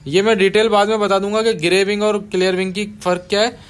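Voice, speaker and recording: A man's voice: high-pitched, little pitch movement, fast talker, clear, resonant tone. A man teaching budgie breeding in a patient voice-over, repeating key terms and dropping casual asides to his viewers. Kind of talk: explanatory voice-over over bird footage.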